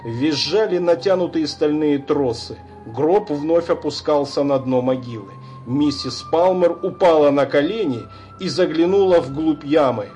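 Slow, measured male audiobook narrator. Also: a little high, warm tone, soft background music. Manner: measured unhurried reading. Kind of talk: scripted narration.

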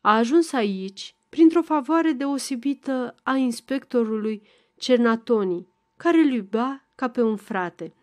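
A woman reading a classic novel aloud as a volunteer audiobook narrator, in a measured, even storytelling manner. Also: fairly high pitch.

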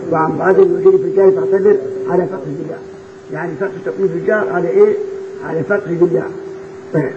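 A man with an Egyptian Arabic accent, teaching Quran recitation rules to students, drilling them with questions and chanting verses slowly between quick explanations. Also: high voice, echoey room. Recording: tinny phone-like recording with noise.

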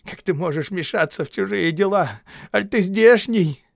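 A man voicing a gruff, grasping peasant well-digger who grumbles and reproaches, in an audiobook reading. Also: high-pitched, normal speed, no room sound, studio quality, pitched above the performer's own voice. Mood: reproachful. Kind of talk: audiobook character voice.

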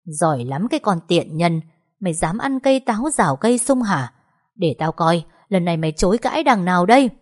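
A woman's voice: lowish voice, expressive, normal speed, a little mellow. A woman voicing a domineering older mother-in-law, scolding sharply.

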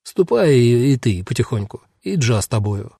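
A man voicing a gruff, weary male guard who dismisses people in blunt street slang. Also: medium pitch, big pitch swings, moderate pace, dark tone, no echo, clean studio sound, full character voice. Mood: dismissive.

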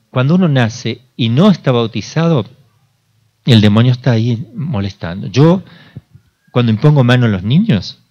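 Un sacerdote de Argentina que da una plática informal, le hace preguntas al público y recrea diálogos. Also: male voice, medium pitch, a little mellow. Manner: conversational, asks the audience questions, acts out dialogues. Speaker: priest. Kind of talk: informal sermon talk.

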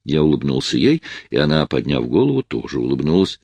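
A man narrating an audiobook in the first person with an expressive, dramatic reading. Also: rumbling low, fairly quick, gravelly, no echo.

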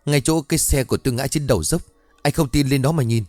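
A man's voice: medium pitch, fast, a little mellow, dry recording, voice pushed up, lightly acted. A man voicing a panicked middle-aged market woman who stammers and pleads as she talks. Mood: pleading.

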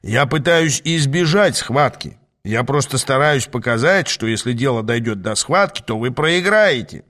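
A smooth-talking male demon, glib and haughty, always a step ahead of everyone, as a man reads him aloud. He speaks a touch higher and brighter than the narrator's plain voice, persuasive and sure of himself. An audiobook character reading. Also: lively intonation, normal speed. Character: cocky scheming male demon, smooth talker.

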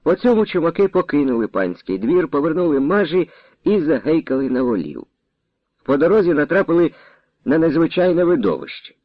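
A man reading a historical novel aloud as narrator, with an expressive storytelling manner. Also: a little high, fairly quick, no echo, muffled recording. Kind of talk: audiobook reading.

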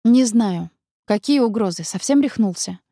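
A woman voicing Arthur, a jealous shouting young man. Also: fairly high pitch, expressive, normal speed, dry recording, studio quality. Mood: scornful. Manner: heated, accusing.

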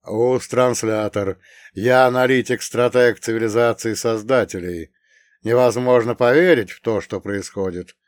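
A man voicing a male analyst-strategist who speaks formally and deliberately. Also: mid-range voice, steady tone, no echo, lightly acted.

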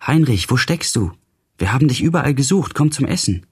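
A man's voice: lively intonation, moderate pace, darkish tone, slightly rough. A man voicing a careworn, pious old mother in an audiobook reading, in a sorrowful, lamenting manner. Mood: calling anxiously. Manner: lamenting, pleading, pitched up.

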